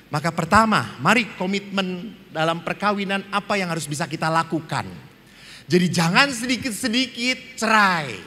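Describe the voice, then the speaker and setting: Lively bright-voiced priest in a hall. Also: male voice, high-pitched, normal speed. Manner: animated storytelling, acting out quoted dialogue. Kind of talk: lively seminar talk with humorous anecdotes. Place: seminar hall. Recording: reverberant hall with faint ambient noise.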